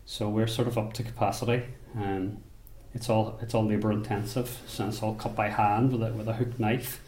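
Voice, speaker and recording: A man from Belfast with a Northern Irish accent, a basket maker talking about his craft in an unhurried, thoughtful way, often restarting his sentences. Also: lowish voice, flat delivery, darkish tone, reverberant, slight background noise. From Belfast, Northern Ireland. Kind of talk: interview monologue. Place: rural workshop or home.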